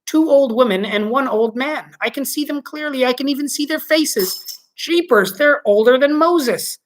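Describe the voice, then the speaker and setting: A man's voice: normal speed, fairly bright tone, a little hiss or hum. A man reading a children's book aloud, voicing a panicky male astronaut captain in a raised, urgent voice. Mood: pleading. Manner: high, urgent, breathless reports.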